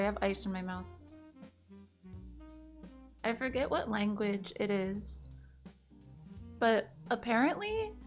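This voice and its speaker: A young woman chats to her stream chat in a slightly high voice, rambling from one thought to the next and swearing freely. Quick laughs break up her talk, and faint music plays behind her.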